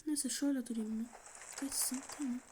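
A woman giving chatty let's-play commentary, talking to her viewers, shouting in bursts and muttering softly as she plays. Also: high voice, fairly even intonation, brisk, slight background noise. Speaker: gaming channel host. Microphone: tablet or phone mic.

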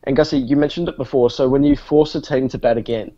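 A man's voice: mid-range voice, fairly even intonation, fast talker, dark tone. A man co-hosting a sports podcast, casually bantering and asking questions. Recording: slightly dull, lo-fi audio.

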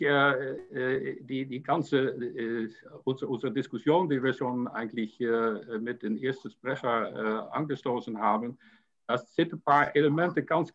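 An older man with a mid-range voice joins a panel discussion over a video call as a guest, speaking haltingly with many fillers and repeated words. He sits in a room at home with a painting, and the webcam audio is dull and lo-fi.

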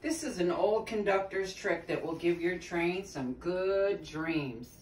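Filmed on a phone camera a few metres off in a small tiled sitting room at home, a middle-aged woman expressively reads a children's story, chatting to the kids and prompting them. Her voice is lowish and she takes it slowly. The audio is roomy and distant with background noise.

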